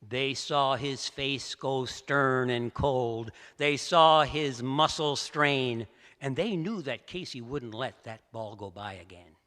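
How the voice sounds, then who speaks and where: Man reciting a poem real dramatic, bright voice, slow, big echoey hall. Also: mid-range voice. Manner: theatrical, sweeping swings from hush to loud outbursts. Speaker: storyteller. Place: large assembly hall.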